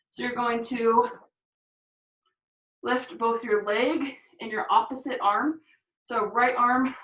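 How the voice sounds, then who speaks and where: A woman's voice: fairly high pitch, a bit bright. A woman fitness instructor talking through shoulder and core exercises while doing them, a little out of breath. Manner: talks through each move while doing it, counting reps. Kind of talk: exercise demonstration. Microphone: camera mic from a distance. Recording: echoey room, voice far from the mic.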